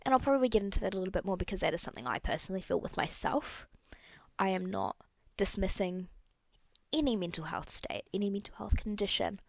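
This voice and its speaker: A woman's voice: mid-range voice, lively intonation, quick pace, gravelly, no room sound. A young woman hosting a solo podcast, talking candidly and rambling a little, correcting herself as she goes. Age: young adult. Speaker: podcast host. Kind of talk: casual solo podcast talk.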